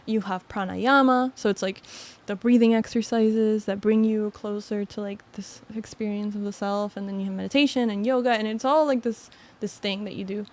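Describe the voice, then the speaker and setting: A woman's voice: mid-range voice, steady tone, moderate pace. A woman in her twenties, a podcast guest chatting casually and reflectively, with lots of filler words. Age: 20s. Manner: rambling, reflective, many filler likes. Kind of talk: casual chat.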